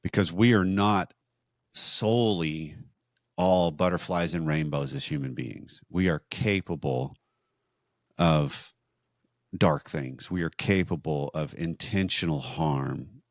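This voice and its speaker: Deep-voiced guy co-hosting a marriage podcast, slow explainer vibe, dry sound. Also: no echo. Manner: measured, explanatory, with restarts and rhetorical questions. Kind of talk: conversational teaching on a podcast.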